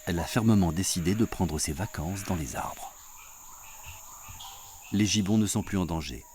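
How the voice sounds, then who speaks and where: Male narrator for nature documentary, low register, clear ambient wildlife noise under the voice-over. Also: normal speed, a little mellow.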